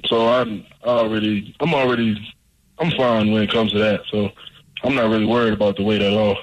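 A man's voice: on the low side, a little fast. Young guy calling in over the phone, laid-back short answers, lots of hiss on the line. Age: young adult. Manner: relaxed, brief answers with repeated words. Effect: heard over a phone line. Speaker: football draft prospect guest. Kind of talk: casual phone interview. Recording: noisy phone line from afar.

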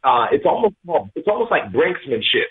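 A man's voice: fairly high pitch, big pitch swings, normal speed, slightly rough. A man from Atlanta calling a sports radio show on a phone line over speakerphone, rambling and restarting his sentences. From Atlanta, USA. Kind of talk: call-in sports talk. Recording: tinny speakerphone call line.

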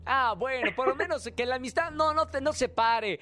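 A man's voice: very high-pitched, normal speed, sharp tone. A man with a Mexican accent hosting a call-in radio show, chatty and affectionate with callers. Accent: Mexican Spanish. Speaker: radio host.

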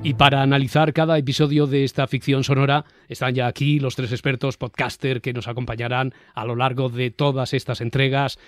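This Castilian Spanish-accented podcast host has a medium-pitched voice, recorded dry. He presents a discussion show from a script in a polished, articulate radio style, with a faint music bed behind him.

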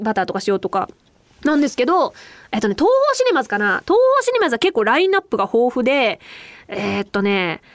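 A woman radio host with a slight Kansai-leaning lilt chats in a casual podcast. Her voice sits high and swoops widely as she talks animatedly and laughs easily. The studio sound is dry and close. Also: dry recording. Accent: slightly Kansai-leaning Japanese. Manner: animated, chatty, laughs often. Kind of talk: casual podcast chat, reading listener mail.

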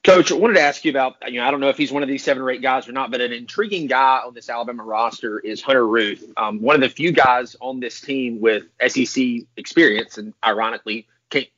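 A man's voice: mid-range voice, quick pace, hardly any pauses, bright, forceful tone, dry recording, dull audio. A man hosting a sports show, putting conversational interview questions to a guest.

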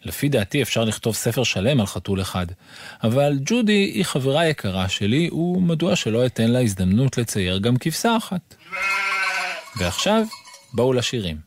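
Expressive man reading a children's story. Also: medium pitch. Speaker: narrator. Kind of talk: reading a children's book aloud.

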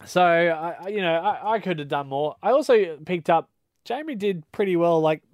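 Wry man, slightly high voice. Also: normal speed, no echo, clean studio sound. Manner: wry, deadpan jokes. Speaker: podcast co-host. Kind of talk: casual chat.

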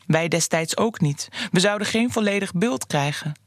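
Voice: mid-range voice, animated, normal speed, no room sound, studio quality, natural voice. Narrator reading a stubborn old man in care. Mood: recounting. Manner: read plainly in the narrator's voice. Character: older man living in a care home, stubborn. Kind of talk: storybook reading.

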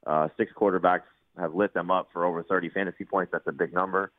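Male fantasy sports analyst, low voice, casual delivery, thin telephone-quality sound. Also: steady tone, fast, no echo. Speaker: fantasy football analyst, regular radio guest. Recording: phone-like narrow-band line.

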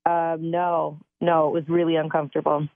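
A woman's voice: sits low, little pitch movement, normal speed, no room sound. A woman talking casually on the phone to a radio show. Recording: thin, narrow telephone line.

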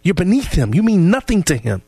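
A man's voice: high voice, very animated, fairly quick, dark tone, husky, dry recording. A man hosting a political talk radio show in a casual, fired-up way, often repeating words as he builds a point.

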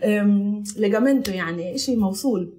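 A woman's voice: medium pitch, brisk, mellow. A woman with a Palestinian Arabic accent chatting casually as an interview guest, dropping foreign words into her Arabic. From Palestinian from the Galilee. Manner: mixes English and Italian words into Arabic. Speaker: podcast guest.

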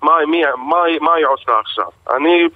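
A man calling in by phone as a bereaved father, speaking in halting, repetitive bursts that turn angry. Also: fairly high pitch. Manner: halting, repeats words, emotional and angry. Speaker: bereaved father, radio guest. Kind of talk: phone-in radio interview. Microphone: telephone. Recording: tinny phone line.

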